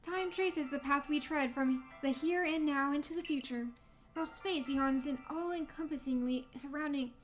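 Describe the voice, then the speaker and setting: Girl reading as mysterious wise game lady, formal old-timey grave talk, high voice. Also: natural voice. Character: stately, cryptic female sage from a fantasy game. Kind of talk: reading game dialogue in character.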